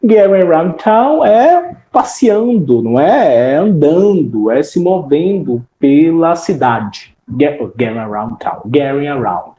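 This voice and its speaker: A woman's voice: deep voice, sing-song, slow pace, hardly any pauses, warm tone, reverberant, rough recording. A woman teaching an English class online with a Brazilian accent, explaining in Portuguese and checking in with frequent tag questions.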